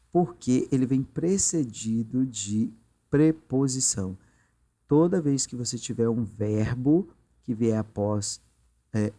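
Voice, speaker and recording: A man teaching English grammar, patiently explaining exercises and repeating example sentences slowly. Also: mid-range voice, mellow.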